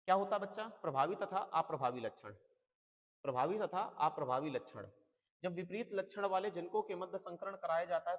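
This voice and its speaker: A man's voice: high voice, lo-fi sound. A male teacher giving an exam-prep lecture, calling his students "beta" and repeating key terms over and over. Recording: long hall reverb.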